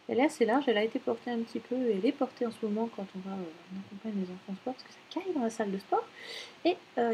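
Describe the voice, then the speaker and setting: A woman in her thirties talks casually at home, rambling and correcting herself as she goes. Her voice sits a little high but sounds mellow and soft-edged. Faint noise hums behind her on a camera mic. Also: low-quality recording. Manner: rambling, chatty, many fillers and self-corrections. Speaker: knitting vlogger. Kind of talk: casual chat.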